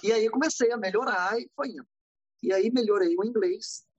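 A man from Brazil, a podcast guest, telling lively anecdotes in a casual way and acting out the dialogue. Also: high-pitched, fairly quick, slightly rough, no room sound, lo-fi sound. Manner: animated, acts out dialogue in anecdotes. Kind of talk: casual storytelling. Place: living in California.

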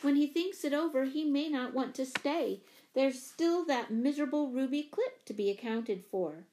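A kind, sensible mother from a storybook, gentle yet firm with her children, voiced by a woman reader whose voice sits fairly high. She speaks with calm, careful warmth. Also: moderate pace, slight background noise, natural voice. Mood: troubled.

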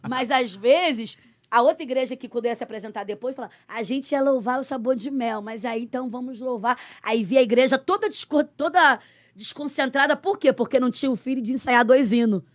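A Brazilian woman missionary sharing her faith story in a conversational interview, acting out quoted dialogue and turning soft when confessional. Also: high voice, brisk, no echo. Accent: Brazilian Portuguese. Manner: expressive storyteller who acts out quoted dialogue.

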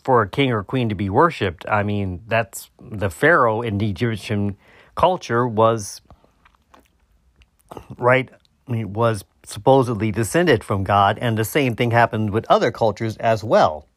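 A man hosting a solo debunking podcast, explaining his points haltingly and often rewording himself mid-sentence. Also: fairly low pitch, fairly bright tone, dry recording, studio quality. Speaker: podcast host.

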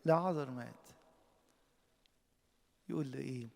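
Man, Egyptian Arabic accent, sermon, impassioned loud-to-soft swings, echoing hall. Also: normal speed, gravelly. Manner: impassioned, rising to loud emphatic peaks then dropping low. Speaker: preacher.

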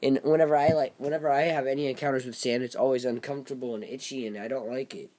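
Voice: mid-range voice, fairly even intonation, fast talker, dark tone, dry recording. A young vlogger rambling through an absurdist solo monologue, often cutting themselves off and trailing away. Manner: absurdist, self-interrupting, trails off.

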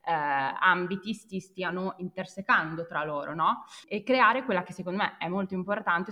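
A woman's voice: on the low side, bright, forceful tone. A woman interviewer talking informally, feeling her way through long, hesitant, roundabout questions. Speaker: interviewer, member of a feminist collective.

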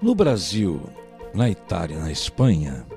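Brazilian male language teacher, low voice with a lot of melody, patient and explanatory, soft music underneath. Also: huge pitch swings, a little slow, vocal fry. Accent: Brazilian Portuguese. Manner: patient, explanatory, keeps asking "né?". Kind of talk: recorded language lesson.

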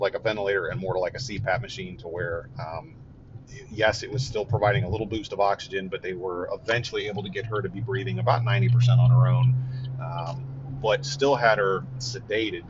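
Man, fairly low voice, halting with lots of ums, earnest, dull lo-fi sound with faint vehicle noise. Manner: halting, many fillers and restarts; earnest and relieved. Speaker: vlogger giving a family update. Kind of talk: casual spoken update.

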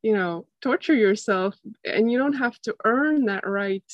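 A woman's voice: fairly high pitch, unhurried, no echo, dull audio. A young woman with an Estonian accent, chatting casually as a guest coach in an interview.

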